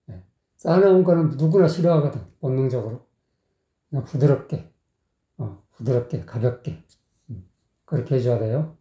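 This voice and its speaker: A singing teacher gives a vocal lesson, singing short phrases slowly and then explaining them in quick, plain speech, often checking that the learner follows. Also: mid-range voice, dark tone. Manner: often checks with the learner by asking "you get it?". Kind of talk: vocal lesson with sung demonstrations. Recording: echoey, tinny phone-like sound.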